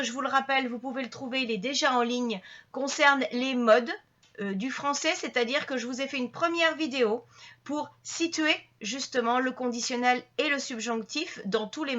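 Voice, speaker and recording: A woman's voice: sits high, a bit bright, dull audio. A woman teaching a French grammar lesson to her channel's viewers, explaining patiently step by step with frequent fillers and restarts.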